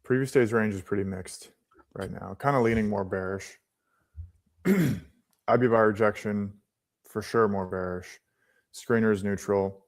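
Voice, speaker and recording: A man in his late twenties co-hosts a live trading stream, patiently walking through chart settings in a fairly low, steady voice. He's unhurried, leaves long pauses, and often restarts his phrases in this casual, explanatory stream talk.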